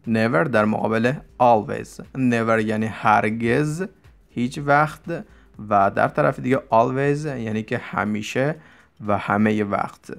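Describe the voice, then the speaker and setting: Gravelly-voiced man teaching English vocabulary. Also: mid-range voice. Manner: explains in Persian, reads English examples slowly and deliberately. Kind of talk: Persian-language English vocabulary lesson.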